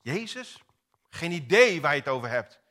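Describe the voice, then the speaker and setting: A man's voice: fairly high pitch, very animated, normal speed, bright, forceful tone. A man voicing an impulsive male fisherman disciple who blusters and denies in a retold story from the pulpit. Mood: denying. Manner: blustering denials, later broken.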